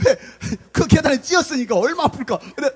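A middle-aged man preaching a lively youth sermon, acting out scenes with shouted put-on voices. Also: normal speed. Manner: animated, acts out scolding mothers in shrill voices. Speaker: pastor. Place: church hall.

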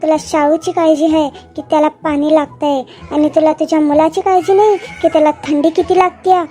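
A woman's voice: high-pitched, level tone, fairly quick, warm tone, lightly acted. A woman voicing a poor young village man in a cartoon comedy, whining and boasting as he pleads to be married. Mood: pleading. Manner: whiny, boastful pleading in rural speech.

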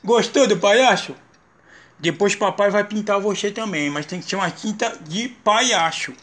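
A young Brazilian father in clown makeup, talking playfully to viewers and coaxing his small son, laughing often and jumping into high sing-song calls. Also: moderate pace, a bit bright. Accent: Brazilian Portuguese. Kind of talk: casual home video talking to viewers. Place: at home with a small child.

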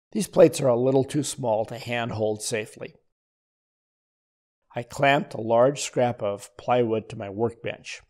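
An older man narrates in a calm, methodical way, as if walking a student through each step. His voice is mellow and relaxed, with a middle pitch. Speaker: woodworking instructor. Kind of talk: scripted voice-over narration.

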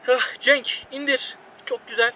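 A man giving excited, shouty commentary over his own football video game play, repeating players' names and groaning at mistakes, his voice going hoarse. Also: extremely high pitch, unhurried, highs cut off, slight background noise. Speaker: gaming YouTuber. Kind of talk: live gameplay commentary.

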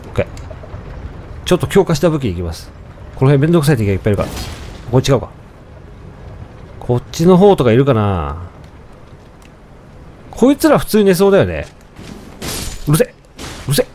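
A young man casually commenting on his own gameplay, chatting to himself with sudden excited outbursts. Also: mid-range voice, fairly quick, long pauses, slight background noise. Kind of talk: casual let's-play commentary.

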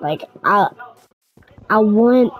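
A young woman walks viewers through a game tutorial, chatting casually, addressing them directly and grumbling now and then when frustrated. Her medium-pitched voice has lively intonation and drawn-out words, and the recording has its highs cut off with slight background noise.

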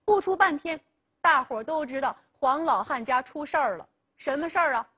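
A woman hosting a legal program, telling a village story dramatically and acting out the characters' dialogue. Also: high voice. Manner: lively storytelling, acting out dialogue with drawn-out 啊 pauses.

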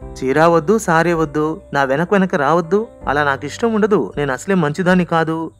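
A man's voice: on the high side, moderate pace, soft background music, close to an everyday voice. A man voicing a poor, defiant village seamstress woman who scolds in a raised voice. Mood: refusing.

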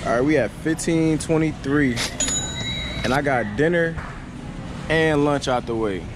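Young dude filming himself grocery shopping, laid-back slang, action cam, heavy store noise all around. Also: male voice, on the high side, unhurried. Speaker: fitness vlogger. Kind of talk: casual shopping vlog. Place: large supermarket indoors. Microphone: action camera. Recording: loud store background noise.

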